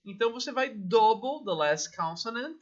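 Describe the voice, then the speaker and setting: High, lively Brazilian teacher. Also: male voice, normal speed, muffled recording. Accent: Brazilian Portuguese. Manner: explains step by step, checks in with "tá?" and "né?" constantly. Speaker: English teacher. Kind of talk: recorded grammar lesson.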